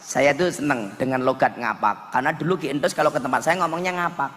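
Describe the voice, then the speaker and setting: A male preacher giving a humorous wedding sermon, animated and joking, at a large gathering. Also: mid-range voice, fast, slight background noise. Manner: joking, animated, slips into Javanese dialect and sung verses. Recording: echoey hall with faint ambience.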